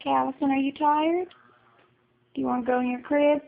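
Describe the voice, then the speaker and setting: Woman with a high, gravelly voice. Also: steady tone, moderate pace. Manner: playful, coaxing talk to small children. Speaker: mother filming her children. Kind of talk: casual home video talk. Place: home. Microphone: camera's built-in mic. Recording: dull lo-fi home video.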